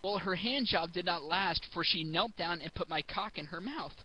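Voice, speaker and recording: A man's voice: high-pitched, moderate pace, sharp tone, slight background noise. A giggly drunk man reading a story aloud for comedy, stumbling over the text and throwing in mocking asides.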